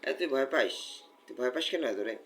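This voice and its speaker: A man's voice: mid-range voice, expressive, quick pace, a bit bright, soft background music. A man, filming at home at night and coaxing cats with repeated sing-song calls. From Bangladesh. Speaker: vlogger feeding cats. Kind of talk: casual home video. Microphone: phone camera.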